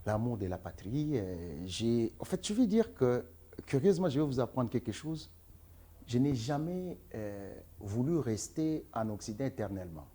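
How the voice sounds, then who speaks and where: A man's voice: mid-range voice, sing-song, normal speed, warm tone, breathy edge. A man from the Democratic Republic of the Congo, answering interview questions as a guest, earnest and emphatic. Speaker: interview guest, entrepreneur and author.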